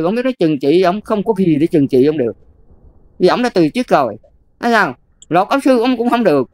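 An older Buddhist nun with a Southern Vietnamese accent, talking casually and emphatically, often checking whether the listener follows. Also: female voice, fairly high pitch, dry recording. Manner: emphatic, keeps checking "see?". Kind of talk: casual advice talk.

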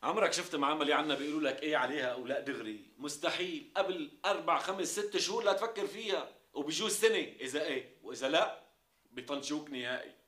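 An actor playing a grumbling, bossy middle-aged office worker with a Syrian accent in a television comedy-drama. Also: male voice, a little high, fast talker, sharp tone, roomy sound. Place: small office set indoors.

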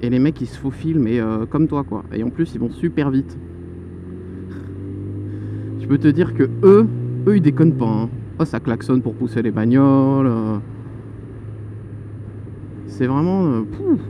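A man's voice: mid-range voice, expressive, measured pace, pauses often, dark tone. A man in his twenties chatting and joking while he rides, often exclaiming in mid-sentence. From Paris suburbs. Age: 20s. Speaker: motovlogger. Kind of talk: casual vlog while riding a motorcycle. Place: motorcycle on city roads. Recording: lo-fi helmet mic with traffic noise. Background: traffic and horns.

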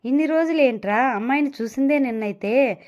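A woman's voice: high voice, darkish tone, lo-fi sound, close to an everyday voice. A woman voicing a flustered, anxious young man who is about to be married, reading audio novel dialogue. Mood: pleading. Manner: flustered, rushing and pleading. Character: anxious young male groom, pleading.

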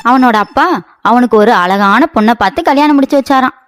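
A woman's voice: fairly high pitch, fast talker. A woman narrating a cartoon storybook tale with a folksy storytelling cadence. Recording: with background music.

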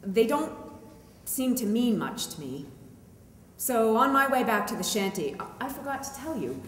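A middle-aged woman playing a devoted, wry painter, giving a theatrical, dramatic reading of her love letters with deliberate pauses. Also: fairly high pitch, sing-song. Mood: wry, animated. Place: indoor art gallery. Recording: echoey hall reverb, noticeable room noise.

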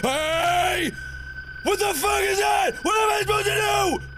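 A man giving frantic, yelling commentary while playing a horror game, often swearing. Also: very high voice, a little slow, over a noisy crowd. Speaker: gameplay commentator. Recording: loud game music behind.

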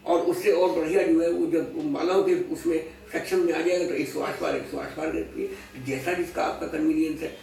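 A man's voice: on the high side, steady tone, a little fast, few pauses, a little mellow. A man being interviewed as an astrology scholar, explaining patiently with everyday examples and slipping English phrases into his speech. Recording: echoey room, voice far from mic, faint noise.

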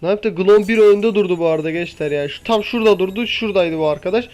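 A man's voice: sits high, fast talker, darkish tone. A young man giving casual gameplay commentary, impatiently pleading and coaxing the game as he plays. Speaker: gaming YouTuber.

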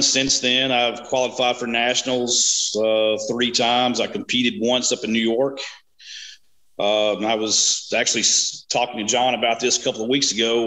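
An easygoing man in his thirties from Kentucky chats on a video call, pausing often with "uh" and "you know". His voice is bright and forward, at an ordinary pitch for a man. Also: rough recording. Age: 30s. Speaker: interview guest, strongman competitor. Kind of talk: casual video-call interview. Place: small home room. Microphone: webcam on video call.

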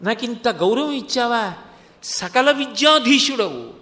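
A man's voice: very high-pitched, expressive, a little slow, sharp tone, big-room sound, full character voice. A man voicing an aged male saint overcome with devotion, crying out in tearful, pleading exclamations. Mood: ecstatic devotion.

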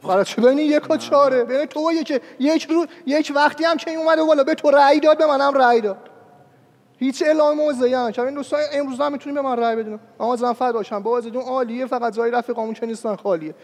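A man's voice: very high voice, steady tone. A male contestant in a party-game show, arguing and accusing the other players. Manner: accusing, persuasive. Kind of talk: heated argument in a party game. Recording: reverberant studio.

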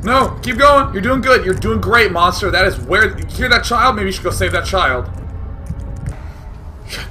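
A man streaming a horror game live, screaming and swearing in panic between quieter asides. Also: high-pitched, lively intonation, normal speed, long pauses, soft background music, rough recording.

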